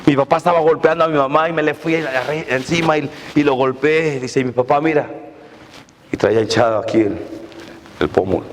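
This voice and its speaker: A man in his forties, a pastor preaching a sermon with rising intensity and occasional shouts. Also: fairly high pitch, fairly quick. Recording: echoey hall, faint noise.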